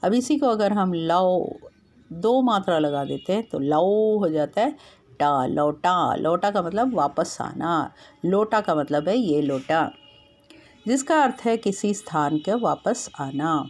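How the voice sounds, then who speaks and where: Woman teacher, lowish voice, very slow, spells out syllables for kids. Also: animated, darkish tone. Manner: slow, repeats and sounds out each syllable. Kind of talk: grammar lesson for children.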